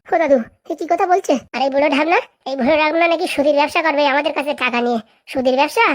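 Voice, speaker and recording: A sharp-tongued cartoon village woman, as a woman voices her, high and piercing, firing off accusations at speed. She scolds without a breath between lines. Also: natural voice. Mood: accusing. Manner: scolding, rapid-fire accusing. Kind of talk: cartoon voice acting.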